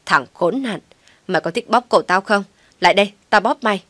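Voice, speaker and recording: A woman's voice: fairly low pitch, fast, fairly bright tone, dry recording, close to an everyday voice. A woman voicing a furious, jealous young wife who screams and curses. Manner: screaming, cursing. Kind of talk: storybook narration with acted voices.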